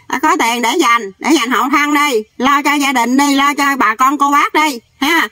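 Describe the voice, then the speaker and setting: High-pitched, scolding Southern Vietnamese woman. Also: normal speed, pushed and bright, dry recording. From Mekong Delta, Vietnam. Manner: scolding, blunt, repeats "do you hear". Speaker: vlogger. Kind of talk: angry rant to camera.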